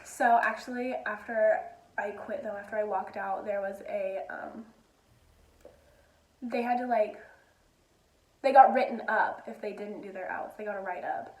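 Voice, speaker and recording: A woman's voice: medium pitch, steady tone, unhurried, pauses often, slight background noise. A young adult woman vlogger telling a story in a casual, chatty way, laughing at herself often. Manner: giggly, self-deprecating, chatty. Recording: echoey room.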